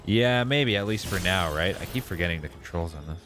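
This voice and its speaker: Low-pitched man streaming a video game. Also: lively intonation, brisk, fairly bright tone. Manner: reads and answers viewers' messages aloud. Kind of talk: casual live gameplay commentary. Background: game music.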